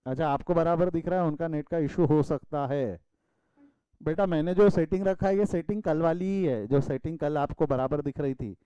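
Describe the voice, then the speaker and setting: Bright-voiced man teaching online. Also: on the high side, normal speed, smooth, dry recording, muffled recording. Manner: addresses students as beta, scolds playfully. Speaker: commerce teacher. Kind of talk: online class lecture. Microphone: video call.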